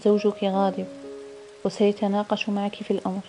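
A woman voicing a calm, wise older mother-in-law who gives measured advice in a read-aloud story. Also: medium pitch, faint music behind, natural voice. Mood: counseling.

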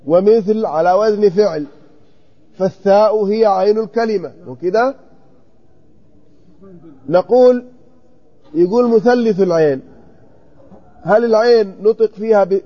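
High-voiced man teaching grammar. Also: muffled recording. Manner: questioning, checks students' copies, repeats vowel forms slowly. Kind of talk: classroom text study.

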